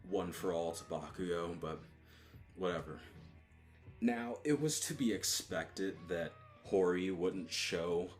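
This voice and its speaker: A manga reviewer gives a casual solo video review in a mostly flat, monotone voice that sits low. He restarts his sentences often.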